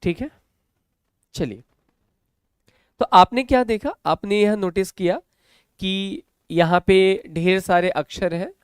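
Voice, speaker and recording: Smooth-voiced Indian man teaching English. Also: high voice, dry recording, clean studio sound. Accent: Hindi-speaking North Indian. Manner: drills words slowly, asks and answers own questions. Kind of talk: online class lecture.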